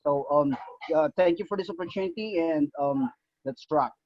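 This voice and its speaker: A man's voice: fairly high pitch, moderate pace, no echo. A man from the Philippines speaking as a team leader on a call, hesitant with many fillers. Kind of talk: halting guest remarks. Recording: dull dry call audio.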